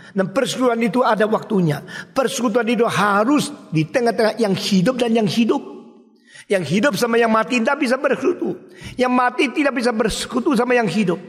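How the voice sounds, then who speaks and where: An older man preaching a sermon in speech, emphatic, swinging between low murmurs and high outbursts and dropping in English phrases. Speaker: pastor. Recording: long hall reverb.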